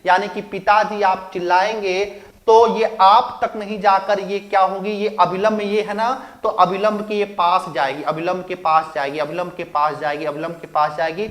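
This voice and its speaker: High-voiced male physics teacher lecturing. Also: flat delivery, normal speed, a bit bright. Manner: asks rhetorical questions and answers them, repeats key phrases. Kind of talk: recorded classroom lecture.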